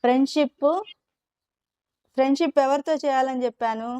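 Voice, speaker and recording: A woman's voice: sits high, steady tone, normal speed, mellow, clear, resonant tone. Patient woman teacher coaxing young pupils. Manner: patient, coaxing, asks children many questions; mimics whiny children's talk when quoting. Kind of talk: teaching children in a live class.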